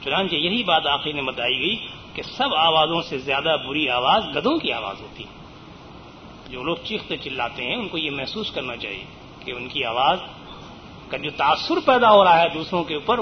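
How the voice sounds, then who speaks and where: A man's voice: on the high side, lively intonation. A man giving an earnest, explanatory religious lecture as a preacher, pressing harder on his key points. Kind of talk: religious lecture on raising children. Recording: dull lo-fi audio with faint hiss.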